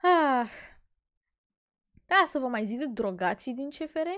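A young woman from Romania with a fairly high voice, talking to her stream in a casual rant. She is sarcastic and exasperated, drops into mumbles, then bursts out loud. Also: expressive. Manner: exasperated, sarcastic, dramatic swings in loudness and pitch.

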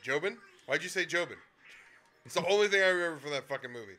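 A man's voice: a little high, lively intonation, rapid-fire, pushed and bright. A young man watching a friend play, chatting and swearing about old movies, with game music behind. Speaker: let's play co-host. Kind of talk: casual gaming commentary.

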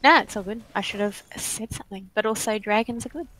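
Woman chatting during a game, normal pitch, wry n casual w teammates. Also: quick pace, a bit bright, low-quality recording. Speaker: gamer in a group stream. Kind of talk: casual gaming chat.

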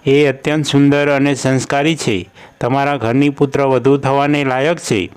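A man's voice: medium pitch, steady tone, moderate pace, clean tone, lightly acted. A man voicing an eager, generous middle-aged friend in a storybook tale, speaking in a reassuring way.

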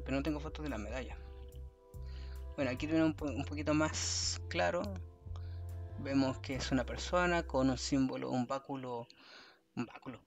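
Guy rambling through a screen review, kinda gravelly, mid pitch, soft music behind. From Chile. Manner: thinking aloud, exclaiming in mock dismay. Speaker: history vlogger. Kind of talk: casual screen-review commentary.

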